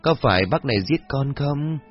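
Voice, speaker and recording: Guy doing a creepy unhinged young mom, sing-songy and high, lo-fi sound, faint music behind. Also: expressive, moderate pace, lightly acted. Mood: manic accusing. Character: unhinged young mother cradling an empty blanket. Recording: dull lo-fi audio with faint music.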